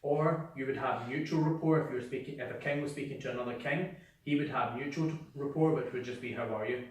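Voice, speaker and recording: A fast-talking man with a mid-range voice gives a blunt sales training workshop to a small group indoors, swearing freely and acting out how people sound. The room is echoey and the mic is far off.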